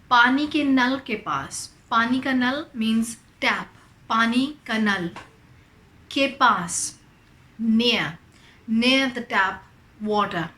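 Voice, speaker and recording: A woman teaching a language, reading a story aloud and carefully explaining each phrase, giving slow glosses in English. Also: on the high side, a bit bright, echoey room, rough recording.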